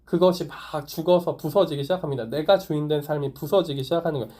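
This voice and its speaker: A male pastor gives a sermon in a relaxed, conversational way. He often puts questions to his congregation. His voice sits a little high and sounds warm and mellow. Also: fast talker. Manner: conversational preaching, asks the congregation questions, light laughs. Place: small church or online worship service.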